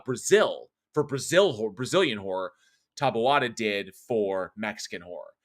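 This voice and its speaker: Pushed and bright at medium pitch, this California-born voice actor and horror show host speaks with a non-regional American accent. The middle-aged man chats casually on a live stream, rambling, reading out viewer comments, and frequently correcting or restarting his sentences.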